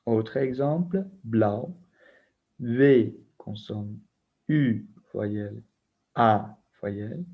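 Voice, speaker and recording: A man's voice: lowish voice, extremely slow. A man teaching a recorded grammar lesson, patiently spelling out letters and rules one by one. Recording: muffled lo-fi recording.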